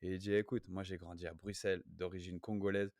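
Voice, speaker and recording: A man's voice: sits low, fast talker, dry recording, clean studio sound. A man co-hosting a casual podcast discussion, thinking aloud with restarts and often checking in with "you see". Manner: animated, thinks aloud with restarts and frequent "tu vois". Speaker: podcast co-host.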